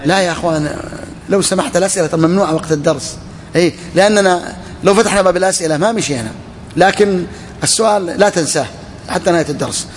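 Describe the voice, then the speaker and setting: Man teaching, high voice, repeats phrases. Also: slight background noise. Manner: repeats each phrase, reads text slowly then explains. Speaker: sheikh teaching a book. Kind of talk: classroom lesson on Islamic law. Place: lesson hall with students.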